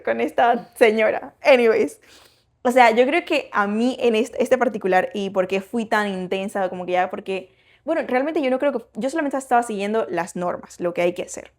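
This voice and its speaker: Chatty woman podcast co-host. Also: a little high. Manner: animated storytelling with frequent fillers and restarts. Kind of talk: casual chat.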